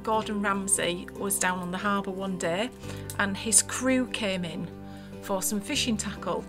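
A woman shop owner tells chatty stories, now and then laughing softly. Clear music runs beneath her voice. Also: mid-range voice, fairly even intonation, unhurried. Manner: chatty, amused, with light laughs. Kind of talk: casual anecdote interview.

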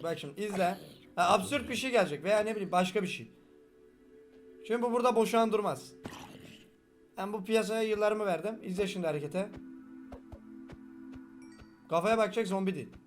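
A young man with a regional Turkish dialect, joking and fast-talking as he reacts to a game. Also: high-pitched, faint music behind. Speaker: gaming video host. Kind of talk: casual reaction commentary.

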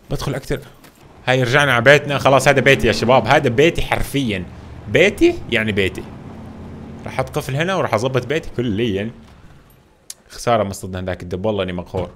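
Fast-talking excitable gamer man. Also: mid-range voice, slight background noise. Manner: excitable, exclaims often, drops English gaming slang. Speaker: gaming YouTuber playing a survival role-play game. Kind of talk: live gameplay commentary. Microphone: home gaming mic that a friend says sounds off.

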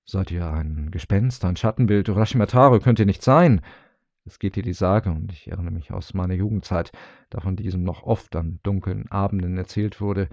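A man reading a storybook, voicing a stooped old village man who asks his questions slowly and with measured wonder. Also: sits low, a little mellow, no echo, dull audio. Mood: puzzled.

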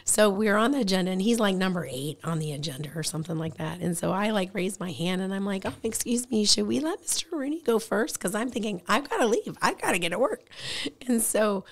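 A woman in her forties, a guest in a radio studio, telling a story in a chatty, animated way with many fillers. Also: mid-range voice, a little fast. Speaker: guest, insurance agency owner. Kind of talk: casual storytelling interview.

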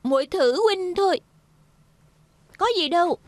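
A woman's voice: very high voice, unhurried, dry recording. A woman dubbing a playful, clever young woman in a TV drama, teasing and pleading by turns. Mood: tender. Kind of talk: dubbed TV drama.

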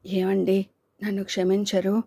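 A gentle, guilt-ridden young wife in a storybook reading, soft and pleading in a mellow, level voice, as a woman reader puts her on. Her lines keep a narrow, even pitch with little lift. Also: unhurried, vocal fry, dry recording, clean studio sound. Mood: remorseful.

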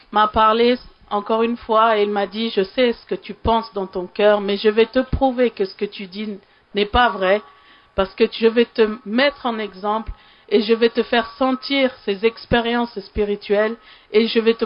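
A woman's voice: a little high, fairly even intonation, unhurried, lo-fi sound. A woman from Sri Lanka giving a heartfelt testimony in a church hall, faltering a little at emotional moments.

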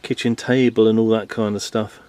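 A man's voice: lowish voice, flat delivery, fairly quick, a little mellow. A man, talking casually and rambling with many ums while filming a boat repair outdoors on a handheld camera. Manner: chatty, rambling, self-deprecating, lots of ums. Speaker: boat renovation vlogger. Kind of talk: casual how-to commentary. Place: outdoors in a garden workshop.

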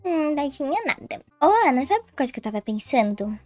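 A woman's voice: high-pitched, expressive, fairly quick, faint music behind. A young woman voicing a mischievous twin girl in a Roblox roleplay story, playful and giggly, with exaggerated fake panic. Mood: scheming.

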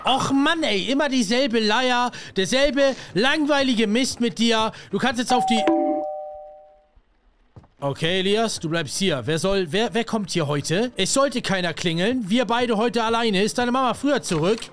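A man doing let's play commentary in character as a grumpy babysitter, bossy and comic, often bursting into loud shouting. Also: sits high, measured pace, smooth. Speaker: gaming YouTuber.

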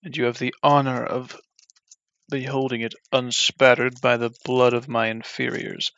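A man's voice: mid-range voice, flat delivery, normal speed, a bit bright, clean tone, no room sound, muffled recording, close to an everyday voice. A man playing a haughty legion centurion. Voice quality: haughty, pompous. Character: proud male legion centurion in armor.

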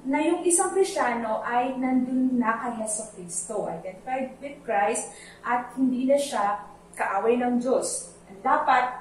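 A woman's voice: fairly high pitch, slight background noise. A Filipino woman teaching a children's Sunday school lesson, explaining a Bible verse patiently in mixed Tagalog and English and singing its lines to teach the tune. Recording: echoey, from a distance, with faint music.

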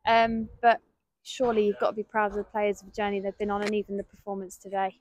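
A woman's voice: mid-range voice, flat delivery, fast, darkish tone, a little hiss or hum, rough recording. A woman interviewing a football manager after a match, asking long multi-part questions.

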